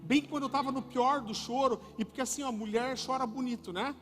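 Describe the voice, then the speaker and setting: A male pastor preaching a sermon, an animated, joking storyteller who keeps calling the audience brother. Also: extremely high pitch, brisk. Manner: turns soft and hushed near the end. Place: church hall. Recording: reverberant church hall with music.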